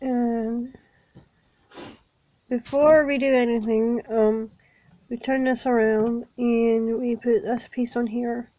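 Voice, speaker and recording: A woman with a sniffly cold, calmly narrating each step of building a small toy set in a casual vlog. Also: a little high, slow pace, pauses often, no echo, highs cut off. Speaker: toy vlogger. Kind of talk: casual unboxing and building walkthrough.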